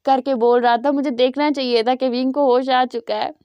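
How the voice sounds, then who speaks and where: A woman voicing a reserved, gentle young man in a retold story, speaking softly. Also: high voice, fairly even intonation, a little fast, clear, resonant tone, no room sound, muffled recording, lightly acted.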